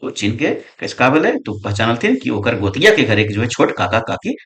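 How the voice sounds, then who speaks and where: A man's voice: mid-range voice, big pitch swings, a little fast, fairly bright tone. A male teacher, reading lines of a story aloud and explaining each one, with constant tag questions. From Jharkhand, India. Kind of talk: exam-prep lesson explaining a story.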